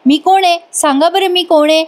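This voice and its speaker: A woman's voice: very high-pitched, steady tone, normal speed, pitched above the performer's own voice. A woman reading the lines of a cheeky young female student who pesters with repeated questions. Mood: pestering.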